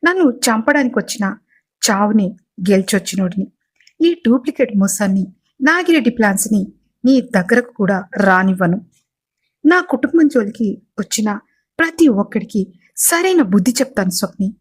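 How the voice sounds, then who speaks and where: A woman's voice: mid-range voice, lively intonation, normal speed, pauses often, breathy edge. A woman voicing a protective, hot-tempered young husband, firm and reassuring toward his wife. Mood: resolute. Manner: firm, soothing then stern.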